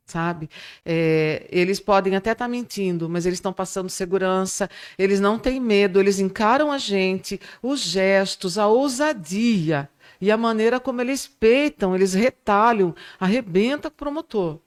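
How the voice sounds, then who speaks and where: A middle-aged woman with a Brazilian accent, a public speaking teacher telling lively stories in an interview. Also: medium pitch, normal speed. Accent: Brazilian Portuguese. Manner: animated storyteller, acts out quoted students. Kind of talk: interview answers, storytelling.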